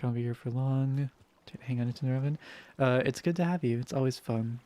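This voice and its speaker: A young adult streamer with a roughed-up, hoarse voice, chatting casually and swearing freely while playing and talking to viewers, speaking gently to spare the voice. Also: mid-range voice, a little fast. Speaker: game streamer. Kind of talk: casual live-stream gameplay commentary.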